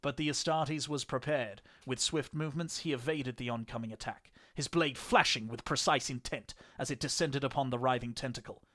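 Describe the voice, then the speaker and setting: A man reading an action fan fiction story aloud in measured, grandiose narration. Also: mid-range voice, a bit bright, dry recording, clean studio sound.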